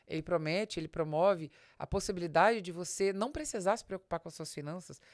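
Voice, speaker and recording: A Brazilian woman with a lowish, brisk voice talks directly to the listener in an explanatory business podcast, teaching as she goes and posing rhetorical questions. She is a business advisor and podcast host, and the studio-quality recording has no room sound.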